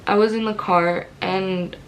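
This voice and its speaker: A woman's voice: mid-range voice, steady tone, unhurried, a little hiss or hum, poor audio. Candid young woman telling a story. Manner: candid, rambling, many "like" fillers. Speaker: vlogger. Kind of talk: personal storytelling to camera.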